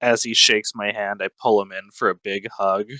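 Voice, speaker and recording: A man improvising story narration as a player in a tabletop game, with dramatic, deliberate pauses. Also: on the low side, level tone, pushed and bright, no echo. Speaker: tabletop role-play player.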